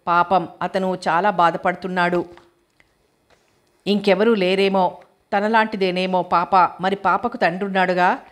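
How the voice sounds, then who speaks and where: A woman narrating a novel as an audiobook reader, in a steady, measured storytelling manner. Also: fairly low pitch.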